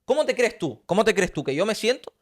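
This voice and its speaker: A man's voice: sits high, big pitch swings, fast. A man, giving an intense, preachy motivational talk straight to camera and piling up rhetorical questions. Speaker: motivational coach. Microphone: talking straight to camera.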